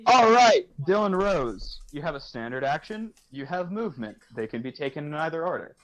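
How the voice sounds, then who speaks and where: A man's voice: on the high side, expressive, brisk, rough recording. A man running a tabletop game as game master, chatty and giggly, with lots of fillers.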